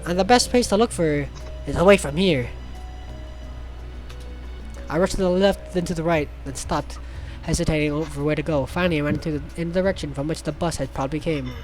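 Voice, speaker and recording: A brisk, mid-range reader plays the group's narrator for a visual novel, delivering it irreverently with swearing, fumbled words, and comic asides. Loud music sits under the voice.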